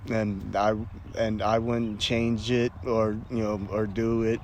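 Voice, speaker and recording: A man's voice: lowish voice, level tone, slow pace, a little mellow. Young guy telling war stories, keeps laughing, lots of um and uh, faint traffic hum outside. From Canada. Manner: laughs often, many fillers and restarts, acts out quoted voices. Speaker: Marine veteran guest. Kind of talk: casual storytelling interview.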